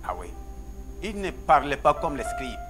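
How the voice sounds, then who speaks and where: A male pastor preaching a sermon in church, emphatic and repetitive, pausing for his interpreter. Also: on the high side, very animated, over music.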